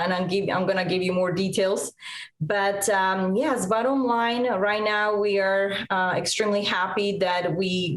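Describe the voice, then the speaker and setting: A woman in her forties from Colombia, a nonprofit CEO telling her story in a chatty, eager way on a video call interview. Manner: chatty, eager, many fillers. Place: home room over video call. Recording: echoey room with faint rumble.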